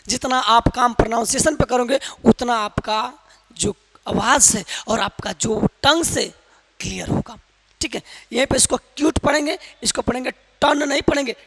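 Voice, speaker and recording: A man teaching English pronunciation in a loud, emphatic classroom manner, quizzing his viewers with repeated questions. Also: extremely high pitch, husky, in a large hall. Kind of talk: classroom lesson in Hindi with some English.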